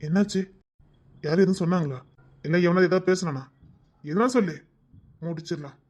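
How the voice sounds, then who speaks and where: A woman's voice: on the low side, fairly quick, darkish tone, close to an everyday voice. A woman voicing a tough, possessive young groom who talks bluntly and presses with questions. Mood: forceful. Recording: dull lo-fi recording.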